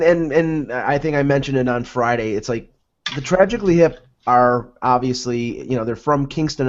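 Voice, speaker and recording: A man co-hosting a casual sports talk show, telling anecdotes in a halting way and repeating words as he goes. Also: medium pitch. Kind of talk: casual chat, anecdotal storytelling. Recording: dull lo-fi audio.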